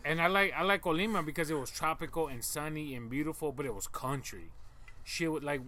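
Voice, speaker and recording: Bright-voiced man telling stories in the backyard. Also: on the high side, brisk. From North Portland, Oregon. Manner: slangy, joking storytelling. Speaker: podcast guest. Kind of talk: casual anecdotal chat. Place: backyard of a house, outdoors.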